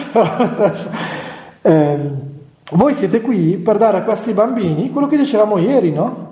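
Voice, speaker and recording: A man's voice: high-pitched, mellow. A man, a Franciscan friar, giving a conversational spiritual talk to nuns, chatty with humorous asides and chuckles. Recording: echoey hall with long reverb.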